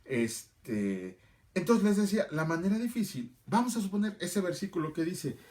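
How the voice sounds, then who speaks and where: A middle-aged man leads a relaxed Bible class, speaking a bit higher than most men. He chats along, repeats his points and turns to viewers by name as he goes. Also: moderate pace. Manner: chatty, answers viewer comments by name, repeats phrases. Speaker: Bible teacher. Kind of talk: casual livestream Bible class.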